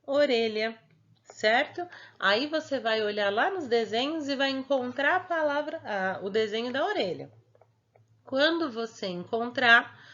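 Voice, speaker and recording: Patient Brazilian teacher, sing-song and high. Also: female voice, a bit bright. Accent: Brazilian Portuguese. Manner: patient, slow and sing-song, checking in often with "certo?". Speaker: primary school teacher. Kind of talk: remote lesson explaining homework to young children. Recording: dull lo-fi home recording.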